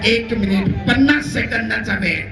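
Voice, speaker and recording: A man calling a live wrestling match through a loudspeaker PA, energetic, announcing points and warning the wrestlers. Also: sits high, normal speed, gravelly, over music. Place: outdoor wrestling ground. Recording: echoey outdoor PA with loud crowd.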